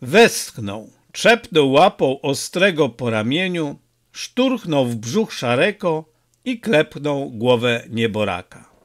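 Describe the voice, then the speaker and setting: A man narrating an audiobook in an expressive, measured way. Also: medium pitch.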